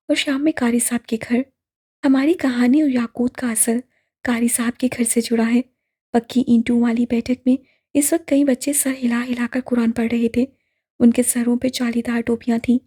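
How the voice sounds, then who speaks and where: Woman reading a novel aloud, fairly high voice, soft breathy tone, slow and serious. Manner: slow, measured, somber storytelling. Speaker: audiobook narrator.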